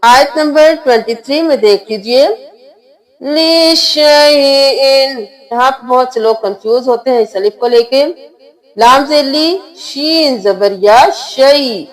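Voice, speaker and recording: Woman recitation tutor with a high voice who moves between brisk spelling-out and slow, sung recitation. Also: poor audio. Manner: quick spelled-out explanations alternating with slow drawn-out melodic recitation. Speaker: Quran recitation teacher. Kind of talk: tajweed lesson, explaining then reciting slowly.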